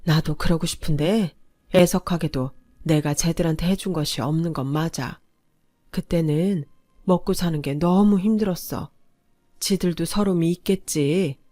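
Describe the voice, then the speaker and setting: A woman's voice: low-pitched, normal speed, no room sound, clean studio sound, natural voice. A woman doing a frail, sorrowful grandmother. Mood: resigned. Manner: soft, resigned, plain-spoken.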